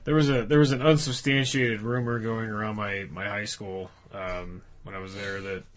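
A man's voice: lowish voice, fairly even intonation, moderate pace. A man on a casual comedy podcast, telling a story and using lots of filler words.

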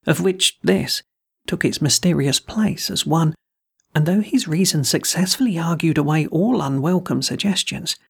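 A gravelly, husky voice reads a classic ghost story aloud. The delivery is measured and deliberate, as a host narrating a tale. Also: mid-range voice. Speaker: host and reader of a horror story.

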